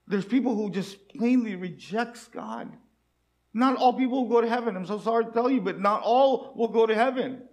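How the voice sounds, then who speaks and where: A man preaching a sermon, earnest and pleading, often asking his listeners rhetorical questions. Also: sits high.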